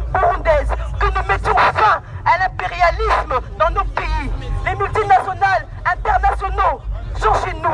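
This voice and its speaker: A high-pitched woman delivers a fierce, declamatory protest speech in the open street. She drives her points home by repeating phrases. A loud crowd and passing traffic surround her. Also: rough recording. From France. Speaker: protest speaker. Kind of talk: impassioned outdoor protest speech. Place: outdoor street rally.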